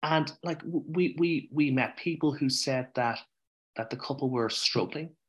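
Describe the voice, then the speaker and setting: An Irish man, a podcast guest, telling his own story in a frank, animated way, swearing freely and wandering off on tangents. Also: mid-range voice, a little slow, highs cut off. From Ireland. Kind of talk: candid conversational storytelling.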